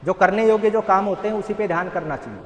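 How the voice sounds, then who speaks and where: A man's voice: high-pitched, quick pace, dull audio, slight background noise. A man giving an earnest motivational talk at a rehab center, telling a parable and asking rhetorical questions. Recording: echoey hall.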